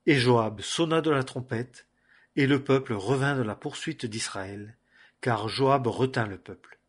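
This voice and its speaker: A man reading a Bible passage aloud in a measured, solemn way, phrase by phrase. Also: medium pitch, breathy edge. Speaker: scripture reader.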